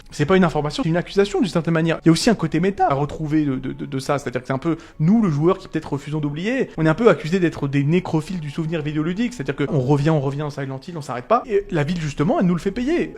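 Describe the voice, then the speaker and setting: A man's voice: on the high side, a little mellow. A man hosting a casual video game analysis, enthusiastic and chatty, speaking straight to his viewers. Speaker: video essay host.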